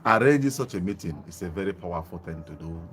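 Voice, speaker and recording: An online TV host with a deep, expressive, fairly bright voice talks fast in a casual livestream from outdoors in Germany. He rambles with many ums and restarts, using a mobile phone with an earphone mic, and there's a little hiss or hum.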